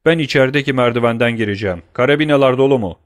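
A man's voice: mid-range voice, rapid-fire, dry recording, clean studio sound, lightly acted. A man voicing an officious gendarme corporal in an audiobook, barking orders. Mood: commanding. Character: gruff commanding gendarme corporal.

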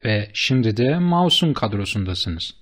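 A man voicing an eager, flattering bearded businessman who speaks with emphatic enthusiasm in an audiobook. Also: fairly low pitch, a little slow, heavily acted. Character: eager, fast-talking bearded businessman, middle-aged man.

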